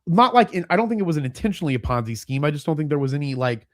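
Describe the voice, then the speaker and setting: A man's voice: a little high, big pitch swings, racing, no room sound, studio quality. A man hosting a podcast in a casual interview chat, rambling a little, laughing often and trailing off mid-thought. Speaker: podcast host.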